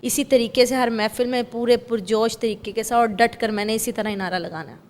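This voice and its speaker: A woman's voice: a little high, fairly even intonation, a little mellow. A young woman being interviewed about her religious recitation, answering firmly and repeating her points. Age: young adult.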